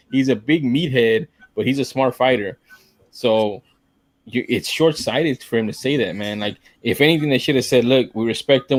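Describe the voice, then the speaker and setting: A man co-hosting a podcast, chatting casually about fights, throwing in "man" and "dude" a lot. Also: mid-range voice. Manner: animated, says "man" and "dude" often, acts out quotes. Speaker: podcast co-host.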